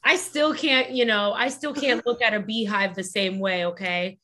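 A woman's voice: mid-range voice, fairly even intonation, normal speed, sharp tone. A woman co-hosting a podcast in casual chat, emphatic and swearing freely. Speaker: podcast co-host.

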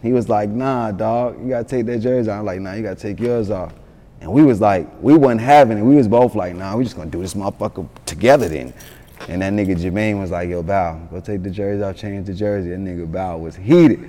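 A man tells stories in a relaxed interview. His voice is mellow and dark, and the hall gives it a long reverb. He talks loosely and excitedly, swears, and keeps adding "you know what I'm saying". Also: lowish voice, a little fast. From Atlanta, born in Yonkers. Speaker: interview guest, rapper. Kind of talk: casual storytelling interview.

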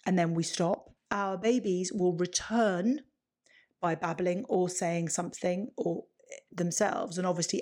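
A woman's voice: on the low side, darkish tone. A woman hosting a solo podcast, explaining advice step by step and often rephrasing as she builds lists. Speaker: parenting podcast host.

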